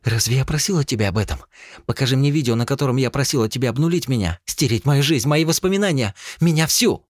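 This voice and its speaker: A man's voice: mid-range voice, lively intonation, fast talker, hardly any pauses, dry recording, studio quality, pitched above the performer's own voice, natural voice. A man voicing a young woman in an audiobook, a distraught sister who talks in tearful, accusing bursts. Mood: anguished, furious.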